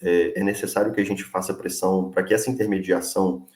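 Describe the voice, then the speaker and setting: Earnest man with a deep voice, echoey. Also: level tone, fast, darkish tone. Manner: earnest, plain-spoken, many fillers. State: sick with a cold, coughing. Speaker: delivery worker organizer, guest. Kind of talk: casual live interview.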